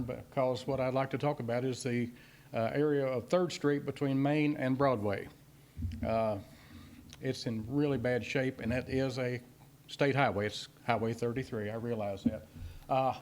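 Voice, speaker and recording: An older man with a Kentucky accent making a public comment at a hearing, polite and halting, with many fillers. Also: medium pitch, a little mellow, a little hiss or hum. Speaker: citizen speaking at a hearing.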